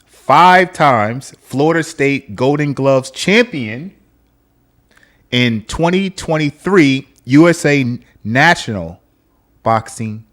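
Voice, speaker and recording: A man co-hosting a podcast, animated and hyping up his guest in casual chat. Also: medium pitch, takes it slowly. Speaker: podcast co-host.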